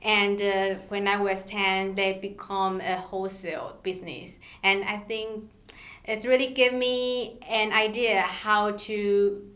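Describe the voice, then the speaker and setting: A woman answers interview questions in a measured, careful way, pausing with small fillers as she builds her sentences. Her voice sits at an ordinary middle pitch. The room around her is noticeably reverberant. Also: a bit bright. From Taiwan. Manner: measured, halting non-native phrasing with fillers. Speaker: startup co-founder, guest. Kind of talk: interview conversation.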